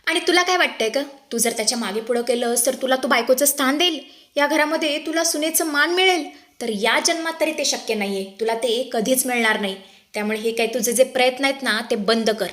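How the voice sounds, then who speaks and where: Woman putting on a nasty jealous sister-in-law from a tv serial, high and mocking, scolding nonstop. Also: a little fast, a bit bright. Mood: taunting. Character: sharp-tongued jealous young woman, taunting.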